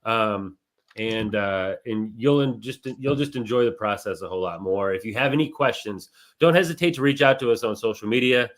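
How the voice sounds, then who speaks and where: A man's voice: on the low side, normal speed. A man co-hosting a casual talk show, explaining things step by step in a conversational way. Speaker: co-host. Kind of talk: casual chat.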